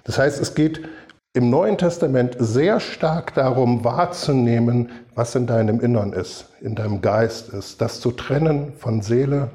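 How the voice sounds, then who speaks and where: Middle-aged male preacher, mellow and warm tone, emphatic conversational sermon delivery. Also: medium pitch, a little slow. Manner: emphatic, conversational, asks the audience for agreement.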